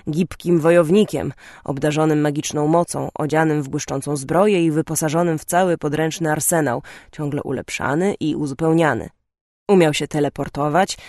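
A woman reading an audiobook aloud, telling the story in a clear, expressive way. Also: sits low, no room sound, studio quality. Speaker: audiobook narrator. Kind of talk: audiobook narration.

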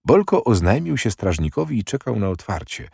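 A man narrating a historical novel in a measured, steady audiobook reading. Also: on the low side, gravelly, slightly rough, no echo, clean studio sound.

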